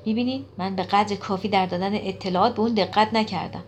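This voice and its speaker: A woman reading an audiobook in an expressive storytelling manner. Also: mid-range voice, slight background noise. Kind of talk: audiobook narration.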